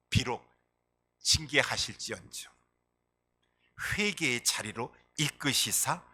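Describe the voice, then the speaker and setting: Bright-voiced impassioned male preacher. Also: fairly high pitch, gravelly, husky. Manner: impassioned, swings between loud cries and soft whispers; acts out voices in quotes. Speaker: senior pastor. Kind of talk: sermon.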